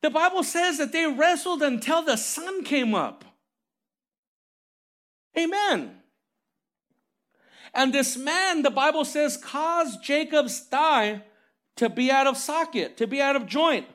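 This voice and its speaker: A man preaching a lively, conversational sermon as pastor, telling stories animatedly and calling for amens. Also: very high voice, slow, pauses often. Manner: animated storytelling, calls for amens.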